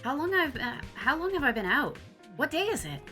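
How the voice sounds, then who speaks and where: An earnest, caring teenage boy, the hero of a visual novel, read by a woman. The voice is bright and forward, with faint game music underneath. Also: high-pitched, very animated, brisk, voice pushed up, exaggerated voice. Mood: anxious, confused. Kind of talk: reading visual novel dialogue aloud.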